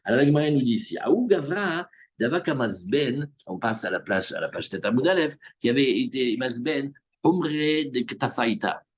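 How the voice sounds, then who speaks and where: A man's voice: medium pitch, moderate pace, hardly any pauses, breathy edge. A man teaching a live Talmud class to students, acting out the characters' lines as he explains. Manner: animated, acts out the characters' lines.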